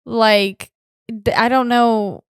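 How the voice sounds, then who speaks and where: Chatty young woman with a smooth voice. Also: a little high, fairly even intonation, very slow, dry recording, clean studio sound. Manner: chatty, laughs often, many fillers. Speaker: podcast co-host. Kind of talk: casual chat, reading listener questions.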